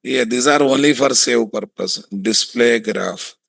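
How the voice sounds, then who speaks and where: A man with a Telugu Indian accent giving a hands-on software tutorial, thinking aloud, repeating himself and often putting questions to his students. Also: mid-range voice, unhurried, creaky, no echo. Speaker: software testing instructor.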